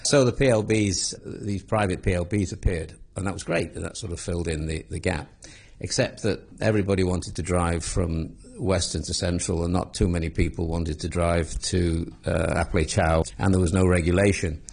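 A man in his sixties from England, a former police commander, answering interview questions in a measured way with dry, understated humour. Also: deep voice, steady tone, creaky, a little mellow.

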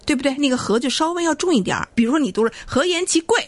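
A woman's voice: high-pitched, rapid-fire, no echo. A middle-aged woman teaching Mandarin on a radio lesson, explaining with frequent checks of "right?". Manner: animated, keeps asking "right?" to check understanding. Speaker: Mandarin teacher and exam examiner.

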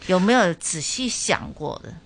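A woman hosting a conversational interview, often tagging sentences with soft particles and short affirmations. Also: on the low side, expressive, normal speed. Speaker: interview host. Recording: clearly noisy background.

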